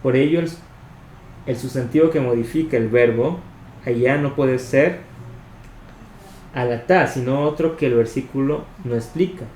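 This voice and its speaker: A man's voice: medium pitch, a little mellow. Man reading a commentary in an echoey room. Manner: measured, explanatory, spells out Hebrew terms. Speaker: Torah study reader. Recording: echoey room with faint noise.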